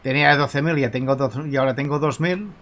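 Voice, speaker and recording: A man's voice: mid-range voice, fairly quick, fairly bright tone. A man casually commenting as he plays a video game, musing aloud to himself. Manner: musing aloud, chatty asides. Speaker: let's play host.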